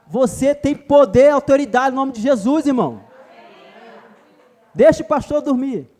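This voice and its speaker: A man's voice: very high-pitched, animated, normal speed, darkish tone. A man with a Brazilian Portuguese accent preaching a sermon at a church retreat, emphatic, repeatedly calling his listeners brother.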